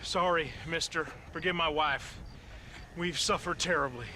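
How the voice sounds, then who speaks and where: A whiny henpecked husband. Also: male voice, a little high, measured pace, sharp tone, a little hiss or hum. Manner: whiny, stammering. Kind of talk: video game cutscene acting.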